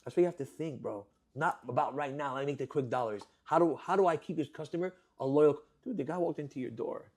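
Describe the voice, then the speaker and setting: A man's voice: a little high, fast talker, a little mellow. A young adult man and restaurant owner, chatting as a guest in an interview, who tells stories animatedly and acts out his customers and workers. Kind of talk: casual interview chat.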